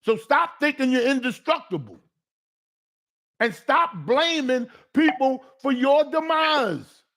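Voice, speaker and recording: A high-pitched man hosting a call-in talk show. He rants with heat and emphasis, stumbling over restarts as he pushes his point. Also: expressive, slow pace, fairly bright tone. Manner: emphatic, fired-up ranting with repeated restarts. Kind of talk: casual chat.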